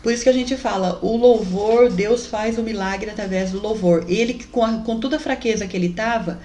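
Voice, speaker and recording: This woman has a mid-range, dark-toned voice and speaks briskly. Emotional and fervent, she testifies to her faith as a mother and calls the listeners brothers, in an echoey, roomy space.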